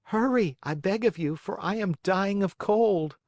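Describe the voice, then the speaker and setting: A man's voice: high-pitched, a little slow, a little mellow, dry recording, studio quality, voice pushed up. Pinocchio, voiced by a man, a pleading puppet boy. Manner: eager, pleading.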